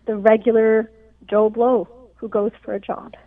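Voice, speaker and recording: Heard through a phone call with that tinny line quality, this Pakistani-born woman doctor explains earnestly as a radio guest, frequently adding "right?". Her voice sits on the high side with little pitch movement, normal speed, and no echo.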